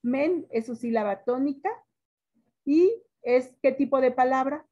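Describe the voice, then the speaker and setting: A woman teacher with a Mexican accent, giving a classroom lesson, stretching words out slowly and quizzing her students. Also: high-pitched, warm tone, muffled recording.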